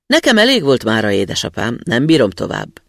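Cheeky young student, sly and lively, gravelly edge, read by a man. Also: medium pitch, no room sound, clean studio sound, heavily acted. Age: young adult.

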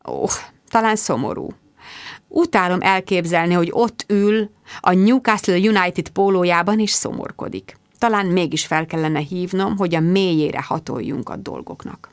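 Expressive woman reading a novel aloud. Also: fairly low pitch, clean tone, no echo. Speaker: audiobook narrator. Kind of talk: first-person novel narration.

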